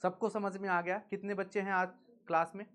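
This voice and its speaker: A man's voice: high voice, little pitch movement, fairly quick, fairly bright tone. A male teacher, leading a live online class in a playful, teasing way and drilling students with call-and-response chanting.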